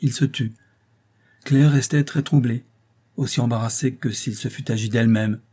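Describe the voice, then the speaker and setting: A man narrating a novel as an audiobook reader, in a calm, measured delivery. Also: medium pitch, slightly rough.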